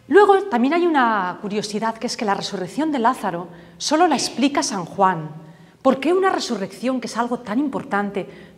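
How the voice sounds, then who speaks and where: A woman teaching a Bible class, telling gospel stories vividly and acting out the voices in the quotes. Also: mid-range voice. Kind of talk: storytelling Bible lesson. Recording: long reverb, hall-like echo.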